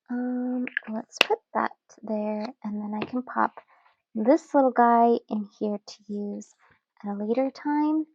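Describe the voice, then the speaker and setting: A young woman chatting casually while she journals at home, relaxed and giggly, with lots of fillers. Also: a little high, no echo, dull audio. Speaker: journaling channel host.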